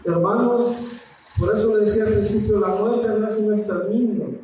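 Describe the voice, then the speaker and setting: A male pastor preaching a sermon, often calling his listeners brothers and pausing to search for words. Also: high voice, warm tone, lo-fi sound, a little hiss or hum. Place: church hall. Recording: very echoey room from far off.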